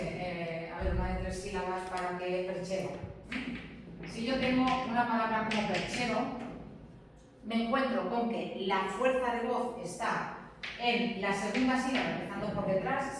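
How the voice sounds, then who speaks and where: A woman's voice: mid-range voice, moderate pace, noisy background. A woman teacher lecturing a class, explaining step by step, repeating her points and asking the students questions. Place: large echoey classroom. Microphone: distant camera mic. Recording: echoey classroom from far off.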